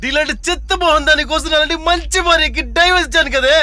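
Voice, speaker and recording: An actor playing a furious, betrayed young man who shouts insults in a film drama. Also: extremely high pitch, fairly even intonation, fast talker, exaggerated voice. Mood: enraged. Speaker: jilted lover in a film. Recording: film scene with loud music score.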